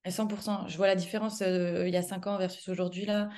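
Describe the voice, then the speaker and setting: A woman's voice: medium pitch, level tone, quick pace, a little mellow. A woman with a French accent, chatting as a podcast guest, hesitant with frequent filler sounds and light laughs. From France. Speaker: guest, public relations adviser. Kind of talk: casual podcast conversation.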